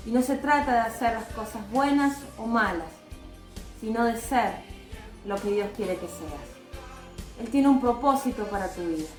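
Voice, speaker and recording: A woman giving a devotional talk with a personal testimony, in an earnest, calm and measured way. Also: a little high, soft background music. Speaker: devotional speaker. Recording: roomy echoey recording.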